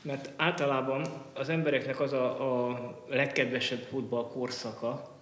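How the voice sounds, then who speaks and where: A man's voice: medium pitch, flat delivery, fairly bright tone. A man speaking reflectively as an interview guest, in long winding sentences with some repeats. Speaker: guest, football historian and author. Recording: echoey, reverberant room with clear noise.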